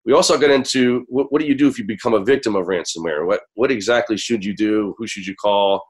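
An American man hosting a radio show, sick and hoarse, his voice cracking as he talks conversationally to listeners. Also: lowish voice, fast talker.

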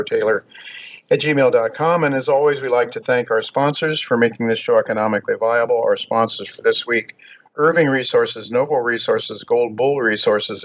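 A man with an American accent hosting a radio show, reading out commentary in a halting, measured way. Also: medium pitch. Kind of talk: radio monologue, reading out news on markets. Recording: dull, lo-fi radio line.

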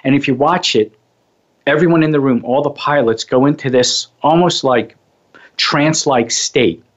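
A man's voice: medium pitch, normal speed. A man hosting a radio show on hypnosis and mindfulness, talking casually in a rambling way and often correcting himself. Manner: rambling, self-correcting, chatty. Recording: slightly muffled lo-fi audio.

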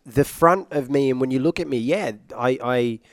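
A man's voice: medium pitch, moderate pace. A man from Iraq, a singer who is a guest on a radio interview, playful and joking. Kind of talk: interview conversation.

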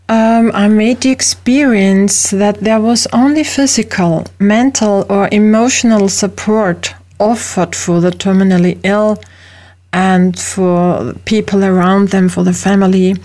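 An Austrian woman, a native German speaker with an Austrian German accent, hosts a radio talk show. Her mellow, medium-pitched voice carries careful, hesitant English.

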